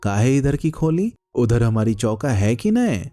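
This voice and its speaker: A man doing a shrill, scolding old neighbor woman. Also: sing-song, a little slow, mellow, soft background music. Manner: shrill scolding in village dialect. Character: quarrelsome older woman neighbor, scolding, spiteful.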